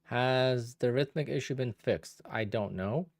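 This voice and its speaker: In studio-quality, dry audio, a man in his thirties from Poland talks unhurriedly in a mid-range voice. He's a day trader on a live stream, answering viewers in a laid-back, rambling way and restarting as he thinks aloud.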